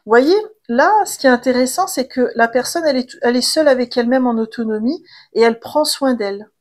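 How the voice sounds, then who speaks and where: A woman, giving a casual, chatty tarot card reading with gentle fillers and restarts. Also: on the high side, fast talker. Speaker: tarot reader.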